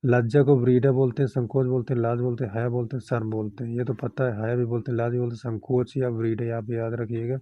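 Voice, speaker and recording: A man's voice: medium pitch, little pitch movement, fast, few pauses, dull audio. A man teaching an exam-prep lesson, rattling off long lists of synonyms in set phrases and reminding students what to memorise.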